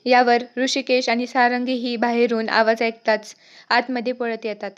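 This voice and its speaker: A woman retells a TV serial episode in a steady, even storytelling voice. Her pitch is slightly high but hardly moves. The recording is somewhat dull and lo-fi. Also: moderate pace, clear, resonant tone. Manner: steady storytelling with small slips and restarts. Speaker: serial recap narrator.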